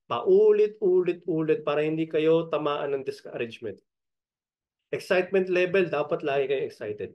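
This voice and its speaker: A man with a Filipino accent giving a motivational online training as a business coach, energetic, laughing often and repeating key points. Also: on the high side, normal speed, dull audio.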